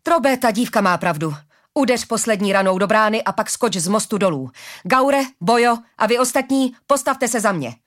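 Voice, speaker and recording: A woman's voice: on the high side, lively intonation, lightly acted. A woman voicing a harsh, impatient bald male guard leader who barks orders. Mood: commanding. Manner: barked orders.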